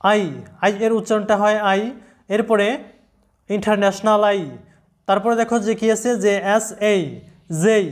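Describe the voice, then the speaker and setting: A woman teacher gives a recorded pronunciation lesson at a measured, patient pace. She spells each word letter by letter, then sounds out every syllable and repeats the whole word. She speaks directly to her students throughout. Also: mid-range voice. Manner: addresses students directly, repeats key words slowly.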